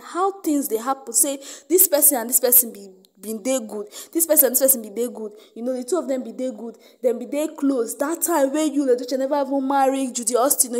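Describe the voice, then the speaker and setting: A woman's voice: sits high, dark tone. A woman with a Nigerian accent giving casual gossip commentary, emphatic and repetitive, mixing in Pidgin.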